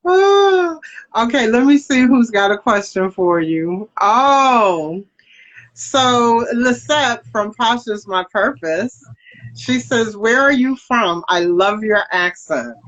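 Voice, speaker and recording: A chatty, upbeat woman hosts the interview, her pitch bouncing up and down as she talks. The sound is dull and lo-fi, as if coming in over a remote link. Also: animated, takes it slowly. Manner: chatty, upbeat, reads out viewer questions. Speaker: host. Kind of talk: casual interview chat.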